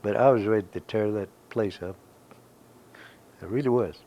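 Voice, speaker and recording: Older male veteran, gravelly and low, rambling emphatic storyteller. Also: normal speed, warm tone. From Kansas. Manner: rambling, emphatic storytelling with many "you know". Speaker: veteran interviewee. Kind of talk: oral history recollection.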